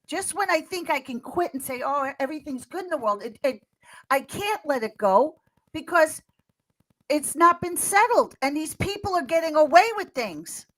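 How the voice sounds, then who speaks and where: An American woman giving animated political chat as a podcast guest, fiery and sarcastic, mocking others in squealing voices. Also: sits high, a little slow, poor audio. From United States. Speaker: podcast guest, social media commentator.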